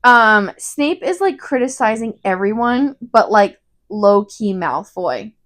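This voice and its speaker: A woman co-hosting a casual book review chat, retelling the story in an animated way and saying "like" constantly. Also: medium pitch, slow pace. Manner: animated retelling, heavy use of "like". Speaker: podcast co-host.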